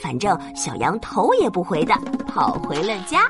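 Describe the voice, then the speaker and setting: A woman narrating a children's story as a mother, gentle, playful and expressive. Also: fairly low pitch, normal speed. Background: children's music.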